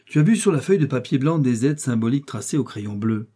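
A man's voice: mid-range voice, lively intonation, fast talker, dark tone, husky. A man playing a gloating master criminal. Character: menacing male master criminal, commanding, gloating.

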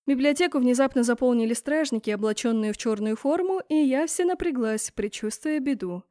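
Expressive woman reading a fantasy audiobook. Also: high voice, fairly quick, dry recording, clean studio sound. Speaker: audiobook reader. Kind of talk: first-person fantasy audiobook narration.

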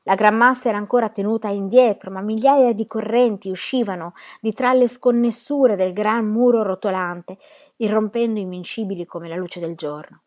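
A woman reading a novel aloud in steady, dramatic audiobook narration. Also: medium pitch, moderate pace. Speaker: reader.

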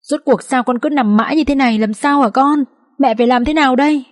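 A woman voicing a grieving older mother who sobs and begs at her son's hospital bed, her voice high and strained. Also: a little fast, natural voice. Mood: grieving, pleading. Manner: sobbing, begging, high and strained.

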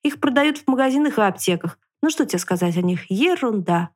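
A woman voicing a calm, patient grown male fox in a children's story, speaking matter-of-factly. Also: fairly high pitch, a little fast.

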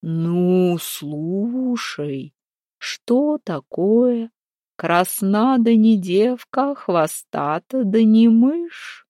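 A woman's voice: mid-range voice, animated, warm tone, no room sound, clean studio sound, pitched above the performer's own voice. Woman reading as a mocking fiery giant maiden. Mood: teasing. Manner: slow, teasing riddling.

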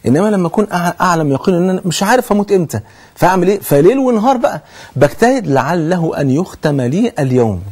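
A man's voice: high-pitched, expressive, rapid-fire, a little mellow. A man with an Egyptian accent preaching a sermon in earnest, asking rhetorical questions and answering them himself. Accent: Egyptian Arabic. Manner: earnest, swears oaths to stress points. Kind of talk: religious sermon.

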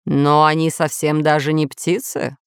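A woman's voice: deep voice, flat delivery, unhurried, clean tone, no echo, studio quality. A woman voicing a boastful, villainous male scientist who rules dinosaurs, pompous and threatening in a storybook reading. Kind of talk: storybook narration.

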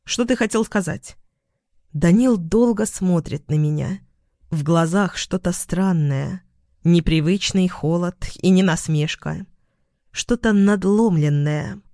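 A man's voice: high-pitched, slow, darkish tone, no room sound, studio quality. A man reading a first-person story aloud in short, clipped sentences. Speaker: narrator.

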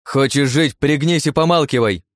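A man's voice: fairly low pitch, fairly quick, darkish tone, no room sound, studio quality, close to an everyday voice. A man voicing a tough, cocky young woman captain in an audiobook, giving clipped commands. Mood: brisk.

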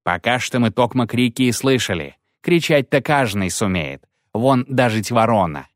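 A man's voice: medium pitch, lively intonation, moderate pace, no room sound, studio quality, natural voice. A male narrator voicing a huge gloomy village headman with blunt, rustic speech in an audiobook. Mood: gruff.

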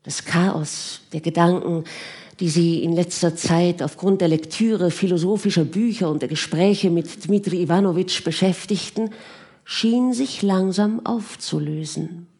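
Slow, calm woman narrating an audiobook. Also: lowish voice. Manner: calm, measured. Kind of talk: scripted narration.

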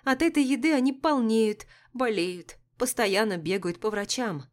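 A woman reading a novel aloud in the first person, in an even, measured way. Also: on the high side. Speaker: audiobook narrator.

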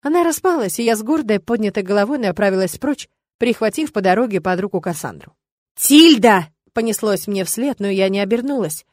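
Woman reading a first person audiobook, expressive, dry close mic. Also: medium pitch, fairly quick, hardly any pauses, no echo. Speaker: audiobook narrator.

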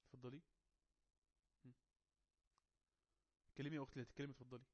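A man with an Egyptian Arabic accent running an online English class, coaxing and teasing quiet students to speak up. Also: medium pitch, level tone, rapid-fire, dull audio. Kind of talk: casual online class moderation.

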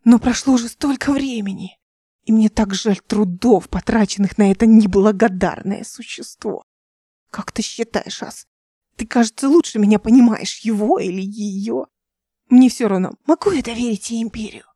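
A woman's voice: on the high side, moderate pace, dark tone, slightly rough, no echo, studio quality. A woman voicing a scheming male overlord who mocks and threatens in a hissing, sneering half-whisper. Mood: sinister.

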